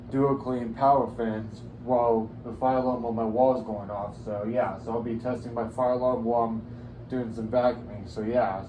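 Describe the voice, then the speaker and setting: A man talks casually to his viewers in an echoey room at home, with faint noise behind him. His voice sits at a medium pitch. He rambles a bit and circles back over his words like a hobbyist video host. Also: warm tone, distant mic. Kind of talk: casual vlog chat to camera.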